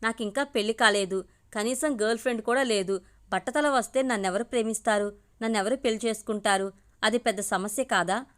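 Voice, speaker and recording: A woman's voice: fairly high pitch, a little fast, natural voice. A woman reading as a weepy young man. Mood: anxious. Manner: weepy, pleading. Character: young unmarried man distraught over hair loss.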